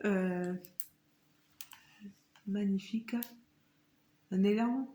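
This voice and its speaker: A woman's voice: mid-range voice, very slow, warm tone, reverberant, a little hiss or hum. A woman vlogger chatting to her viewers as she unboxes a craft kit, marvelling at each item. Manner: chatty, addresses viewers directly; marvels at the items she shows. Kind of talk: casual unboxing vlog.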